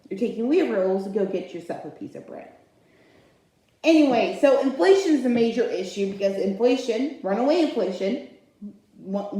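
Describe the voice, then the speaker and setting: A woman delivers a political commentary rant in a mellow, warm voice, rambling and opinionated and often stopping to restart her sentences. Her voice bounces around a very echoey room. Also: medium pitch. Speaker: channel host.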